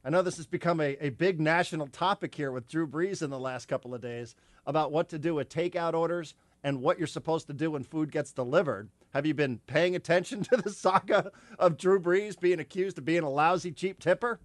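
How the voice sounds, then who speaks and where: A male radio host in the studio, his voice sitting a little on the high side and very close and dry on the studio mic. He rambles along animatedly, doubling up his words as he goes. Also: a little fast, no room sound. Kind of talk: sports talk radio chat. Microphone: studio microphone.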